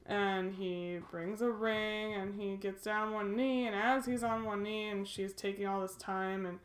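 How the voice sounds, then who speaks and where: A woman's voice: medium pitch, fairly even intonation, measured pace, roomy sound. A woman co-hosting a podcast, chatting casually as she recaps a film, laughing often and swearing now and then. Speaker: podcast co-host.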